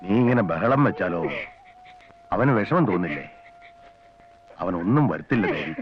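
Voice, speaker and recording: Elderly patriarch, calm, soothing, low voice, dull lo-fi sound. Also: male voice, normal speed, slight background noise. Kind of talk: 1980s film drama.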